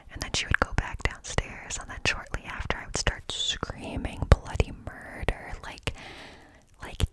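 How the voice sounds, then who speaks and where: A woman telling a story in a casual, rambling ASMR whisper, breathy and hushed as if quiet at night, cupped close to the microphone. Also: rough recording. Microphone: close microphone with cupped hands.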